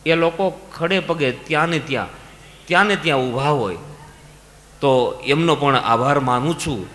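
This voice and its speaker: A man with a Gujarati accent preaching a devotional sermon, telling sacred stories with dramatic swings between loud calls and soft low lines. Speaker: katha preacher. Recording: long reverb, music behind, live event. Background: musical instruments.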